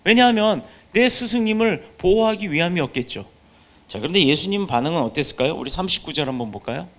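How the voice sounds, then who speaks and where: A man's voice: high-pitched, animated, quick pace, fairly bright tone. A man, a pastor, preaching a sermon with emphatic delivery and many rhetorical questions.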